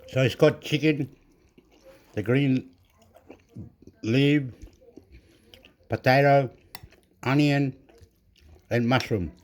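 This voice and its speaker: Chilean-accented man, home cooking vlog, mellow voice, rambling, mixes in Spanish. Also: mid-range voice. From southern Chile. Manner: rambling, switches between English and Spanish. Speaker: cooking vlogger. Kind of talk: casual cooking vlog with pep talk. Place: home kitchen.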